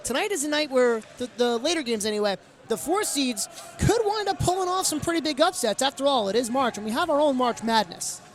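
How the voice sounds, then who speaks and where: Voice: high-pitched, big pitch swings, a little fast. A color commentator giving chatty, explanatory analysis in a conversational style during a live hockey game.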